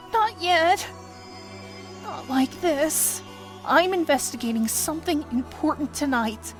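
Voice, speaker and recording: A young woman with a high-sitting voice plays an excitable, earnest young detective in a video game fan dub. Her delivery is expressive and peppy.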